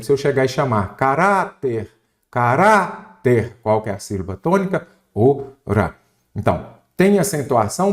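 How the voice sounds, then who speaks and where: A man's voice: medium pitch, darkish tone. A man with a Brazilian accent teaching an exam-prep Portuguese grammar lesson, stressing syllables and asking the viewer questions.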